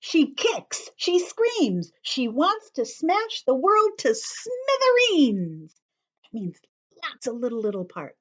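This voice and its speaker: Reading a picture book to young children, this woman speaks slowly in a high-pitched, fairly bright voice with huge swings in pitch, pausing to explain words and now and then whispering. The audio has its highs cut off.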